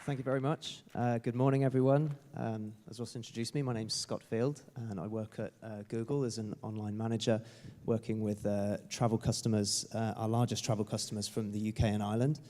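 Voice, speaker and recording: A man's voice: lowish voice, level tone, a little fast, warm tone, slight background noise. A man introducing himself on a conference panel, hesitant with many uhs. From England. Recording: long hall reverb.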